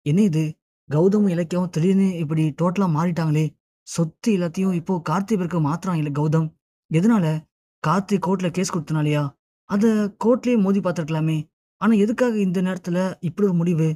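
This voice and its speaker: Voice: mid-range voice, a little fast, mellow, lightly acted. A narrator reading the lines of a scornful, scheming woman who taunts her family in a retold TV serial. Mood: puzzled. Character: scheming, mocking woman of the house.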